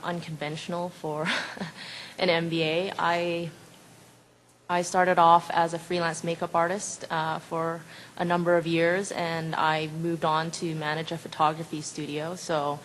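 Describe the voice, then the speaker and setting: Woman, very low voice, chatty panelist, faint room ambience. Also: steady tone, unhurried, fairly bright tone, slight background noise, rough recording. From Vancouver, Canada. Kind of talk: panel answer.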